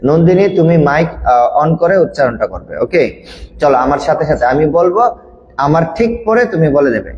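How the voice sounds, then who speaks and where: A man's voice: fairly high pitch, big pitch swings, normal speed, a little mellow, long reverb tail, muffled recording. A man teaching an online English grammar class, explaining the meaning of each word patiently and then drilling pronunciation with a student over a video call.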